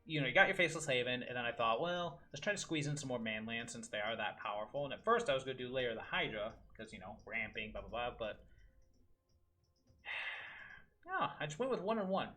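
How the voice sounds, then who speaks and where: Bright-voiced man muttering through gameplay. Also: mid-range voice, big pitch swings, a little fast. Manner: muttering thoughts aloud, dry asides. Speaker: gaming video host. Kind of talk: casual gameplay commentary. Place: room at home with window open.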